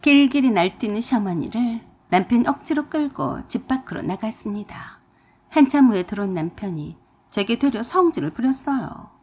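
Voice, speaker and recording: A woman narrating a first-person family story in a lively, expressive way. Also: on the high side, normal speed, husky.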